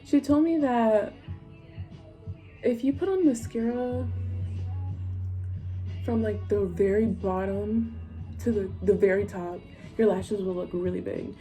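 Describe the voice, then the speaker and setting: Music plays behind this young adult vlogger, whose warm, medium-pitched voice moves slowly with frequent pauses over poor-quality audio. She rambles to camera in a stoned, sweary, casual way while getting ready.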